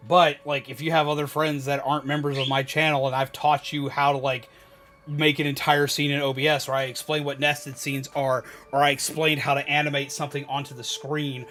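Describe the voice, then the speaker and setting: Talking fast in a flat, mid-range voice with a fairly bright tone, a male livestream host rambles casually to his gaming audience, giving advice with emphatic repetition and some swearing. Soft music plays in the background.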